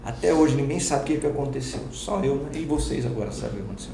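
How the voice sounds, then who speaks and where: Animated storytelling man in a roomy hall. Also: mid-range voice, fast talker, gravelly. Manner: lively storyteller acting out dialogue, slangy. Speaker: pastor and teacher. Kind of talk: testimony told to a class. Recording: roomy hall with background noise.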